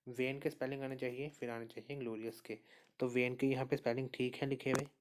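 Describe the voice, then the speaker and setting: Male teacher, mid-pitched, steady and patient, talks through each answer and repeats the key points. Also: quick pace, a little hiss or hum. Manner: steady explainer, repeats answers and says "okay" often. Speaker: exam prep teacher. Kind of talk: spoken lesson walking through quiz answers.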